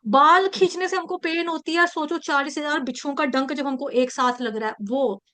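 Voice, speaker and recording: Woman spiritual teacher, high bright voice, animated storytelling, scripture class. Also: normal speed. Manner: animated, acts out quotes in the story.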